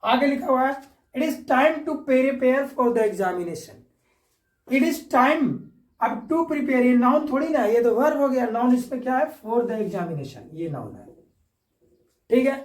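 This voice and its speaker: This man teaches grammar classroom-style, slowly and animatedly, in a very high voice. He works through each step, restating points and tossing in brief tag questions to confirm the students follow. Sound comes from a distant mic in an echoey room.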